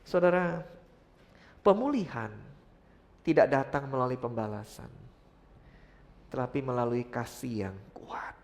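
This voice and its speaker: A middle-aged man preaching a sermon as pastor, calling out to his congregation for responses and swinging from loud exclamations to quiet asides. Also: mid-range voice, measured pace, gravelly, pauses often.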